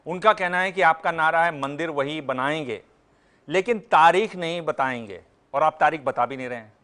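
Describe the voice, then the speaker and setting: A man's voice: a little high, moderate pace, sharp tone. A man, a journalist, asking pointed follow-up questions and pressing his point at a press conference.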